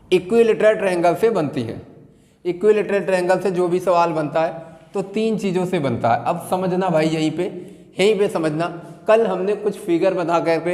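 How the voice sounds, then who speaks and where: High-voiced man teaching math in echoey room. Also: a little mellow. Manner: repetitive, asks students questions. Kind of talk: math lesson. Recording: echoey room with long reverb.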